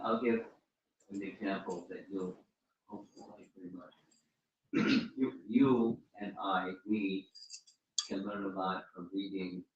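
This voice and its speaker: Low-voiced man teaching in a roomy space. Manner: halting, often repeats and restarts words. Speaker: spiritual teacher answering questions. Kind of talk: informal religious talk with Q&A. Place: room at a home gathering. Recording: roomy, distant, dull recording.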